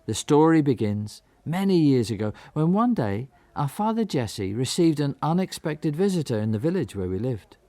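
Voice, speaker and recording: A man telling a radio drama story in first person, reflective and lightly wry. His voice is dark and mellow, recorded dry and close, with expressive rises and falls. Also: fairly high pitch, normal speed, few pauses, no echo. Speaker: narrator.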